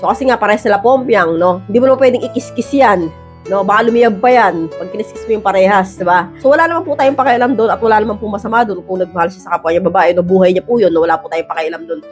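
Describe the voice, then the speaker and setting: A woman hosting an advice vlog in a casual, blunt way. She keeps checking in with tag questions, and her voice has a roughened edge from years of rapping. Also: mid-range voice, faint music behind. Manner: rapid, blunt delivery she calls man-like. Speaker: advice vlogger, host. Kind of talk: casual advice talk to viewers.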